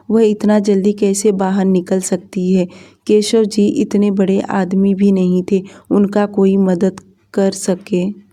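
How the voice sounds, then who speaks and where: A woman storyteller narrates a romance audiobook. Her reading is unhurried and subdued. Her voice is very dark and mellow, and its pitch barely moves.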